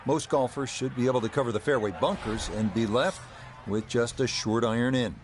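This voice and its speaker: A man giving measured, descriptive golf commentary as the lead play-by-play voice. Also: mid-range voice, very noisy. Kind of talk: sports commentary. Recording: loud music and crowd behind voice. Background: music, crowd, outdoor ambience.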